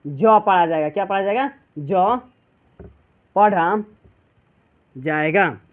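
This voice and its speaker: A male teacher with a Bihari Hindi accent gives a classroom pronunciation lesson in a high, slow voice, repeatedly asking his students questions and then answering them himself. The recording sounds tinny, like a phone.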